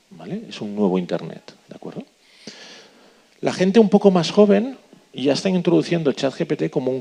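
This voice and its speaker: Lively man leading a workshop. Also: mid-range voice, creaky. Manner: lively, asks the audience questions, says "¿vale?" often. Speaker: workshop speaker. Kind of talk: live workshop talk.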